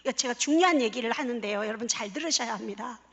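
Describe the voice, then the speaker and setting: Playful high-voiced woman giving a testimony. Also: fast talker, slightly rough. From Daegu, South Korea. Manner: playful, engages the audience with questions. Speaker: pastor's wife giving a testimony. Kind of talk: humorous church testimony. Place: church hall. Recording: echoey church hall, dull sound.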